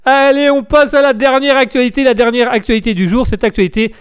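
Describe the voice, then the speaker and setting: High-voiced tired male host, joking. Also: fairly even intonation, quick pace, clear, resonant tone, dry recording, studio quality. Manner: rambling, joking, stumbling and correcting himself. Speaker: host of a live call-in show. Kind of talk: jokey live show news commentary.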